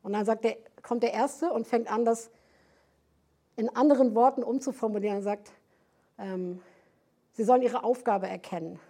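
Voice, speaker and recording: A woman's voice, a little higher than most, with a dark, mellow tone. She teaches in an explanatory way, pausing on fillers and rephrasing as she goes. It sounds like a teaching session at a prayer house. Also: slightly rough. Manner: explanatory, searching for words with frequent fillers and restarts.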